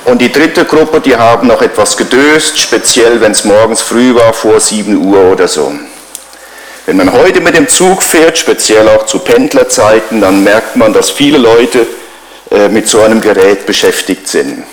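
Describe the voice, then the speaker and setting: Middle-aged pastor, low voice. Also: male voice, moderate pace, reverberant, rough recording. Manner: conversational, builds on repeated rhetorical questions. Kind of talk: sermon.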